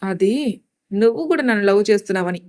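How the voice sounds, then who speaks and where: A woman's voice: medium pitch, fast, a little mellow, close to an everyday voice. A mischievous young woman fires off cheeky retorts in a read-aloud story, voiced by a woman narrator. She is stubborn and playful.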